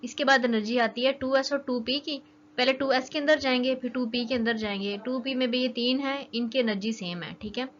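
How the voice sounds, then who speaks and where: A woman's voice: high voice, normal speed. A young woman giving a casual chemistry lesson, often checking in with "okay" as she explains. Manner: chatty, keeps checking in with "okay". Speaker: chemistry teacher. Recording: dull lo-fi recording with faint noise.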